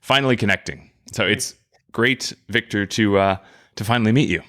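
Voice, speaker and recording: A man hosting an interview, framing his questions in a halting way and often repeating words. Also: lowish voice, a bit bright. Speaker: podcast host.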